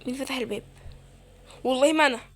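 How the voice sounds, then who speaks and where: A woman's voice: sits high, very fast. A woman with an Egyptian Arabic accent giving playful, chatty let's-play commentary and talking to her viewers. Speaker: gamer.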